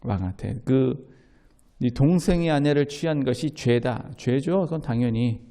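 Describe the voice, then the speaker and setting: A man's voice: mid-range voice, normal speed. A man preaching a sermon as pastor, talking in a conversational way, asking the listeners questions and acting out quoted lines. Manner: acts out quoted lines in lively voices.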